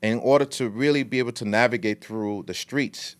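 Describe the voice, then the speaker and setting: On a podcast, a middle-aged man from Liberia who runs a food business shares his story in a loose, long-winded way full of street slang. His voice is mid-range and his delivery a little fast.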